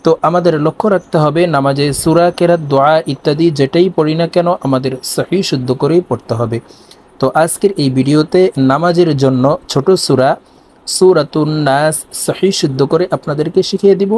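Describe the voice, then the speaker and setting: A man with a fairly high voice teaches recitation in a video lesson. He talks directly to his viewers and takes each word apart patiently, sound by sound. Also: a little fast, darkish tone, a little hiss or hum. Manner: patient and repetitive, breaking words down sound by sound.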